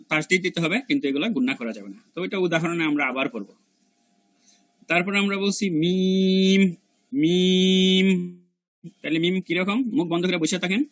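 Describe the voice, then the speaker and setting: A man. He repeats each letter sound again and again, drawing it out slowly so learners can follow. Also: a little high, a bit bright. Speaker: Quran pronunciation teacher. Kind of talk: spoken lesson on letter pronunciation.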